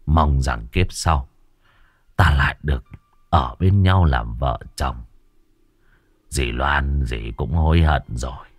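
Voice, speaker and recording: A man doing a grieving old husband's low prayer. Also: breathy edge, dry recording, exaggerated voice. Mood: sorrowful prayer. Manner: low, slow, hushed and sorrowful. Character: grieving older husband praying to his dead wife.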